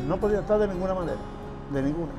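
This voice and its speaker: This older former patient talks fast in a high-sitting voice, answering interview questions casually on a shaded outdoor patio. He's plain-spoken, repeats phrases, and chuckles a lot, all over background music.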